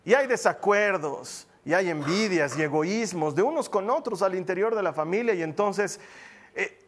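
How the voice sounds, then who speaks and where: A man preaching as pastor of a church, lively and joking with his congregation. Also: sits high, moderate pace, slight background noise. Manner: lively, jokey preaching with acted asides. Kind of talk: sermon.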